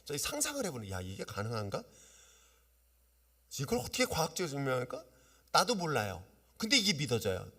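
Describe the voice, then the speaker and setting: A man preaching a sermon as pastor, lively and often asking his congregation questions. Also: mid-range voice, fairly quick, long pauses, breathy edge. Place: church sanctuary. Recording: long reverb of a church hall.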